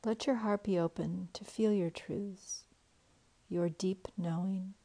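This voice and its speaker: A woman leading a guided meditation in a soft, breathy voice that often drops to a whisper. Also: mid-range voice, steady tone, takes it slowly.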